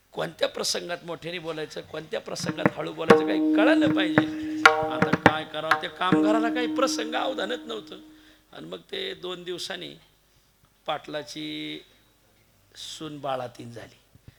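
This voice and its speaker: High, gravelly-voiced male kirtan preacher. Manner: animated storytelling, swinging between loud exclamations and hushed asides. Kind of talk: devotional kirtan sermon with storytelling.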